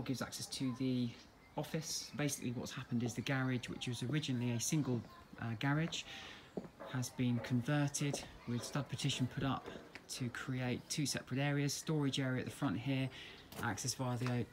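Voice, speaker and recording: The recording, made on a handheld phone, follows an English estate agent through a detached house for sale and its back garden. He speaks in a mid-range voice at a normal pace, keeping the walk-through relaxed and chatty in plain sales style, with background noise present.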